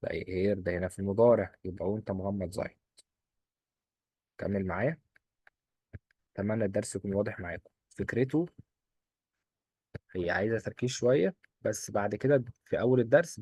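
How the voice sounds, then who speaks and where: A man with an Egyptian Arabic accent teaching a German exam-prep lesson, quizzing and answering his own questions in quick drills. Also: lowish voice, mellow, husky, no echo. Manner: coaxing, repeats rules in quick drills.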